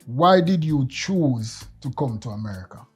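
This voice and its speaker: A man's voice: mid-range voice, lively intonation, measured pace, slightly rough. A man with a Jamaican accent co-hosting a casual, reflective chat in slangy Patois. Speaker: podcast co-host. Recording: music behind the voice.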